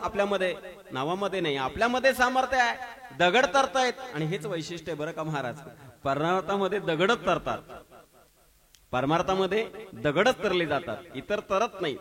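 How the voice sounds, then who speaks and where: A man's voice: fairly high pitch, fairly bright tone. A man with a Marathi accent preaching a devotional sermon at a temple gathering, telling stories with humor and emphatic exclamations. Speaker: kirtan preacher.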